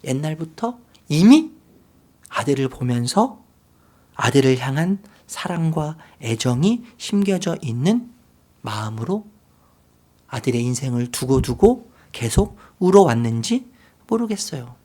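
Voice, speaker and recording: A male pastor preaching a sermon, telling a story with big swings from loud to whispered. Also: on the high side, big pitch swings, measured pace. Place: church sanctuary.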